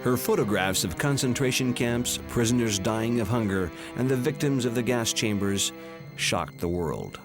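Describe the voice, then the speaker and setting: A man giving measured, solemn scripted narration for a documentary. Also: lowish voice. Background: music.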